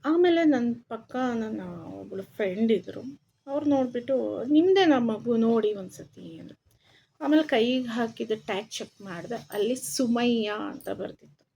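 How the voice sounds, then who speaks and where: A woman's voice: fairly high pitch, measured pace, vocal fry, warm tone, slight background noise. A young woman telling her own story earnestly as a vlogger, quoting what others told her. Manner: earnest, recounting quoted words of others. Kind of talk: personal storytelling.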